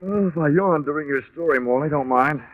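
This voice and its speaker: A man's voice: on the high side, brisk, lightly acted. A man playing a dry, wisecracking insurance investigator who narrates, in 1950s radio detective style. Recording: muffled old radio recording with music.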